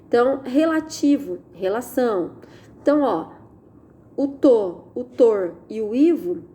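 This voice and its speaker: A Brazilian woman teacher giving a recorded lesson, patiently explaining and often checking that students follow, slowing down to stress key sounds. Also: on the high side, dark tone. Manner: patient, checks understanding with tag questions. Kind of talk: recorded online Portuguese lesson.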